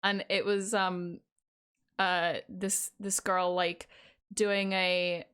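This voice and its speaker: A woman's voice: on the low side, flat delivery, very slow, a bit bright, clean tone. Dramatic self-mocking young woman podcaster. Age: 20s. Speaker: podcast co-host. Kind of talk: casual chat.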